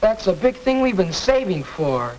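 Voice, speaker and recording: An eager, wholesome teenage boy in a 1940s family drama. His high voice jumps around with lively intonation in a stagey, scripted delivery. The vintage soundtrack has a faint crackle. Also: normal speed. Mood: earnest, helpful. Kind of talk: stagey scripted 1940s educational film acting.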